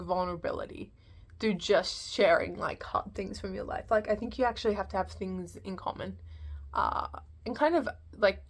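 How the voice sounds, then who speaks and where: A woman's voice: mid-range voice, a bit bright. A woman giving a casual, unscripted film review, hesitant and rambling as she thinks aloud.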